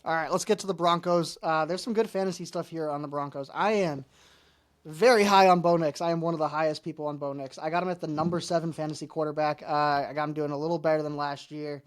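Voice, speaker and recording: A man co-hosting a podcast, chatting casually about fantasy football and running through stats with fillers and pauses. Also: fairly high pitch, fairly even intonation. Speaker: podcast co-host.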